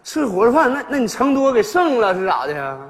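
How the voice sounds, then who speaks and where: Here the man's voice is extremely high and fairly quick as he plays a father in a northeastern Chinese comedy sketch, animated, teasing, and frequently laughing. The live stage recording carries hall reverb and audience sounds.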